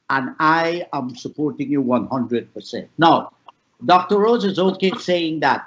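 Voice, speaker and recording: A Guyanese man in his sixties, a professor speaking on a panel discussion, making his points emphatically with repeated lists. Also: lo-fi sound. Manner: emphatic, repetitive lists, rising and falling pitch.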